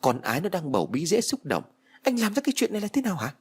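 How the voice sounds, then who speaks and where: A man voicing a harsh, domineering old mother-in-law who scolds and shouts in an audiobook. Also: medium pitch, very animated, fast, slightly rough. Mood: furious scolding. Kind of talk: audiobook character voice.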